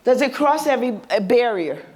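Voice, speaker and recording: A female presenter at a mental health symposium leads an interactive workshop in a conference room before a live audience, asking them questions. Her slightly high, soothing, somewhat mellow voice has lively intonation, and she speaks briskly and conversationally.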